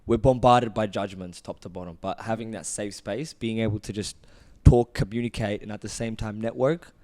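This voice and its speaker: A man's voice: fairly low pitch, fairly even intonation, normal speed, darkish tone. A man in his twenties, originally from Ethiopia, earnestly and reflectively telling his own story as a clothing brand founder on a casual podcast. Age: 20s.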